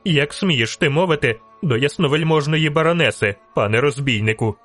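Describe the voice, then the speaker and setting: A man putting on a shrill indignant old matron. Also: expressive, normal speed, a bit bright, faint music behind. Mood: pleading, indignant. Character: frightened stout older noblewoman chaperone.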